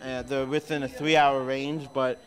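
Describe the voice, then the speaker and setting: A man's voice: mid-range voice, flat delivery, moderate pace. A young man hosting a casual convention recap, rambling with fillers and restarts. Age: young adult. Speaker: host.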